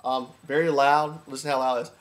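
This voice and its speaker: A man's voice: mid-range voice, steady tone, fairly quick, heavy background noise. A man giving a casual, enthusiastic how-to talk in an informal, repetitive way, as an instructor. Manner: informal, repetitive, enthusiastic about his subject. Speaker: duck calling instructor.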